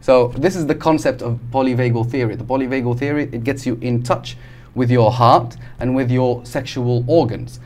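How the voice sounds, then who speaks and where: A man's voice: medium pitch, steady tone, moderate pace, a little mellow. Man from Algeria explaining at length. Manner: explanatory, with frequent fillers and restarts. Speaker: podcast guest. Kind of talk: casual conversation.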